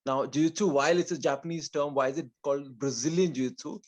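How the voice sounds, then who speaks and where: Higher-voiced man with an educated Indian accent. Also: steady tone, fast talker, a little mellow. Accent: educated Indian English. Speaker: podcast guest, martial arts athlete. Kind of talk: interview answers, casual personal storytelling.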